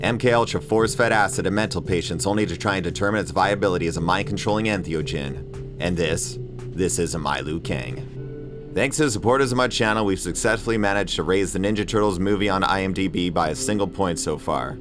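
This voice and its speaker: Over background music, a channel host in his thirties delivers a casual video essay in a deep, brisk voice. His narration is slangy, profane, opinionated and irreverent.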